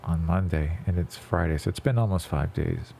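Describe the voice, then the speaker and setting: A man's voice: deep voice, normal speed, vocal fry, warm tone, a little hiss or hum. A man narrating a casual tutorial voice-over, conversational and laid-back, with a congested, blocked nose that he can't breathe through, as if packed with gauze. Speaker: video creator narrating a PC build.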